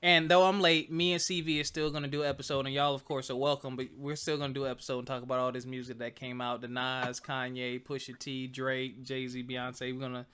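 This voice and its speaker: Bright, clear-voiced man hosting casually. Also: medium pitch, level tone, a little fast, hardly any pauses. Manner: slangy, joking. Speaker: podcast host. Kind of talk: casual chat.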